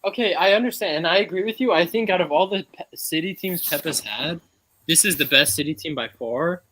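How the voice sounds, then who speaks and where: A man talking sport on a faulty call mic that turns his voice robotic and metallic. He sounds bright and fairly high, hesitating often with fillers. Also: a little fast, a little hiss or hum. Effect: robotic, metallic glitchy mic. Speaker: panelist. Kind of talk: casual sports talk. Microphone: faulty online call mic.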